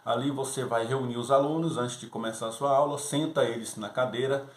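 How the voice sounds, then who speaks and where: A man talks fellow teachers through a Sunday school lesson, easygoing and conversational. His voice sits at a middle pitch and often checks in with a quick "right?". The room around him is echoey. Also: fairly even intonation. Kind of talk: teaching tips for youth class teachers.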